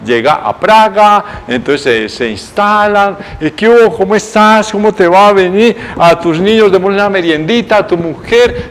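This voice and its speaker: A male teacher with a Colombian accent gives a televised lecture in a colloquial tone, telling the story in a lively way and correcting himself as he goes. His voice sits in the mid range.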